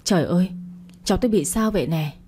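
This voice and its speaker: A woman reading the part of a sharp-tongued older woman who dotes on her niece and scolds her son. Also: fairly low pitch, quick pace, breathy edge, soft background music. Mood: scolding.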